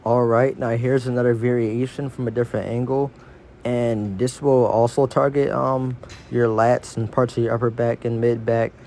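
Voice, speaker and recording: Mellow man talking through dental braces. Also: mid-range voice, little pitch movement, moderate pace. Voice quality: speech slightly impeded by dental braces. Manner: informal, slangy, instructive. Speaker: fitness instructor. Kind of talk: casual exercise tutorial voice-over.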